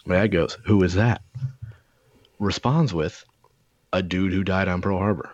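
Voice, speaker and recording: A man's voice: sits low, moderate pace, no echo, muffled recording. A man in a casual chat, telling stories in a rambling, profane way with lots of fillers.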